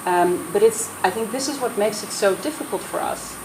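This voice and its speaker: A Dutch woman raised in the US, with an American accent, speaks as a roundtable panelist in a mid-range voice at a moderate pace. She is earnest and persuasive but restarts her sentences often. The room is echoey and noisy.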